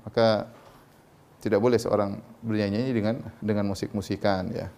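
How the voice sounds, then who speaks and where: A man's voice: lowish voice, fairly even intonation, normal speed, darkish tone, a little hiss or hum. A man giving a conversational sermon as an Islamic preacher, tagging his sentences with short affirmations and rising sharply for emphasis. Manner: conversational, frequent "ya" tags, rising emphatic peaks. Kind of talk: sermon lecture.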